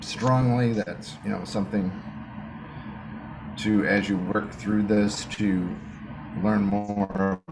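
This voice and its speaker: Slow, low-voiced man explaining. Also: fairly even intonation, gravelly, music in the background. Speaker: gene keys reader. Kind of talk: explanatory reading session.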